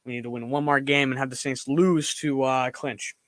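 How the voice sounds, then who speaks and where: A young man chatting casually on a live stream from home while standing and moving around, so his voice drifts nearer and farther from the microphone. He rambles and reacts out loud. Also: medium pitch, steady tone, moderate pace, no room sound. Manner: rambling, reacts loudly to plays.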